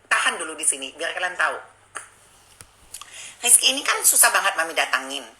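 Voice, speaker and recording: A woman chats straight to her online audience, confiding and animated. Her voice sits fairly low but leaps around in pitch. It has a sharp, forceful brightness. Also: brisk, rough recording. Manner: chatty, confiding, addresses viewers directly; animated, swings between hushed and excited. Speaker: live streamer. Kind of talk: casual storytelling to a live audience.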